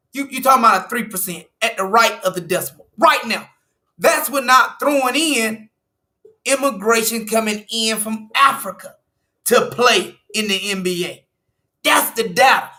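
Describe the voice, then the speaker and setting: With a high, bright and forceful voice, a US political commentator goes over an article, hammering on numbers, repeating himself and starting phrases over.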